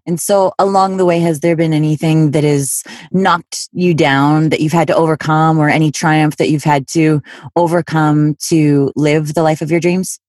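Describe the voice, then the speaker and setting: A woman hosting a podcast interview, asking relaxed questions and giving short encouraging affirmations. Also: low voice, normal speed, dry recording, clean studio sound. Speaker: podcast host. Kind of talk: casual interview conversation.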